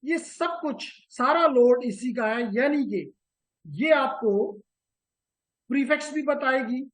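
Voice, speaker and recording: Teaching networking live in Urdu sprinkled with English technical terms, a male instructor goes step by step, repeats the key words, and keeps checking whether students follow. He speaks slowly in a very high, animated, fairly bright voice, and the audio is poor.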